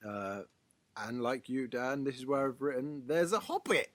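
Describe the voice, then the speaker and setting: A man on a podcast, dropping deadpan, wry remarks in casual chat. His pitch moves a lot as he talks. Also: normal speed, a crowd in the background. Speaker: podcast co-host.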